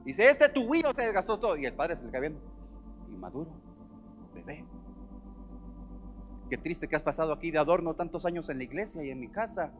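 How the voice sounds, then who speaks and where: A high-pitched man preaches a sermon. He delivers it dramatically, rising to loud quoted lines and then dropping low. Faint music sits under his voice. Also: animated, brisk, pauses often. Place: church service.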